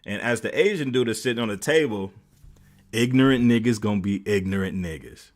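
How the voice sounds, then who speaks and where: A man's voice: lowish voice, brisk. An American man streaming, loosely retelling a story with many fillers. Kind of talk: casual storytelling.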